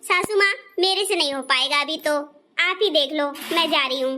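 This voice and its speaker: A woman's voice: high-pitched, moderate pace, pushed and bright, a little hiss or hum. A woman playing a cheeky, lazy young daughter-in-law who talks back in a comic family skit. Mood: teasing.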